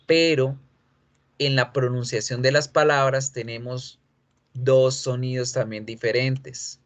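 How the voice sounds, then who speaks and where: A man's voice: medium pitch, muffled recording. Male teacher running a pronunciation lesson, patient and repetitive. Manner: explains patiently, repeats model words slowly. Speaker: English teacher.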